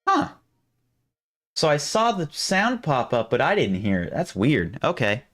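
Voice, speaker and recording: A man hosting a live stream, chatting casually and thinking aloud, his voice going hoarse. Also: a little high, huge pitch swings, a little slow, fairly bright tone. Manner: rambling, restarts often, thinks aloud. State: losing his voice.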